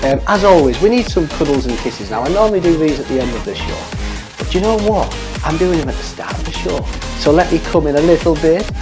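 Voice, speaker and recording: Vlog host, gushing and affectionate, teasing, very lively intonation, mid-range voice, music behind. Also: medium pitch, fairly quick. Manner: cheeky, playful. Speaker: show host. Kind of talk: chatty fashion vlog to camera.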